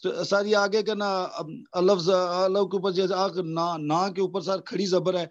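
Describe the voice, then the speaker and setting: A man's voice: high-pitched, level tone, dull audio. Hesitant, deferential male student. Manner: hesitant, deferential, says "sir" often. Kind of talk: online tajweed class.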